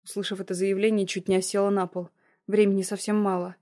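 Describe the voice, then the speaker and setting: A woman's voice: medium pitch, flat delivery, quick pace, warm tone. A woman narrating an audiobook novel in the first person.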